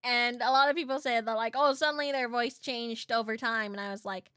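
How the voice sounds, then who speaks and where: Casting: woman, thirties, cute anime streamer sound, high-pitched and bright, casual rambling self-teasing chat. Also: steady tone, fairly quick, smooth, no room sound. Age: 30s.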